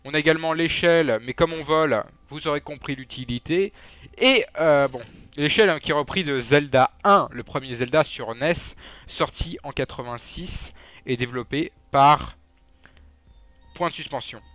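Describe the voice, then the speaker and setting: A man's voice: on the high side, moderate pace, fairly bright tone, dry recording. A young man giving casual, joking gameplay commentary, trash-talking enemies and swearing. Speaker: gaming YouTuber.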